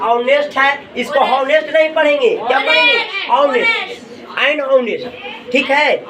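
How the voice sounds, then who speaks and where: Over and over, this classroom teacher asks a question and then answers it himself, his voice extremely high-pitched, bright and forceful. A far-off mic in an echoey room captures him, with students present in the background.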